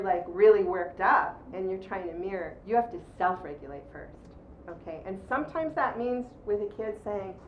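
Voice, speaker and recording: A woman giving a workshop talk to an audience, taking questions and acting out scenes as she tells them. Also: medium pitch. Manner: animated storyteller, acts out quoted voices. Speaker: workshop presenter. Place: room with audience. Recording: roomy, dull lo-fi sound with faint noise.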